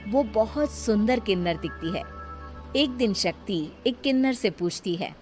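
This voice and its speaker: A woman narrates a scripted tale in a mid-pitched voice. She serves as storyteller while music plays clearly behind her. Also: expressive, a little slow, darkish tone.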